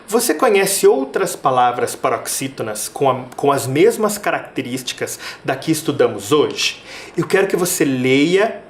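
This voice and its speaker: A Brazilian man teaching children in a recorded video lesson, with a lively voice that rises and falls freely. He draws out each syllable and stresses it, then turns to his pupils with a question. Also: fairly high pitch, a little hiss or hum. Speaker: primary school teacher.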